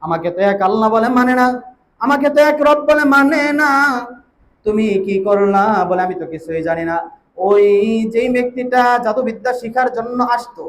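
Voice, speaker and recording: A man with a high, ringing voice delivers a storytelling sermon, slipping into sing-song chanting and sudden loud calls to his listeners. Faint ambient sound sits behind him. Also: expressive, normal speed, slight background noise. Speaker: preacher. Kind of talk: Bengali waz sermon storytelling.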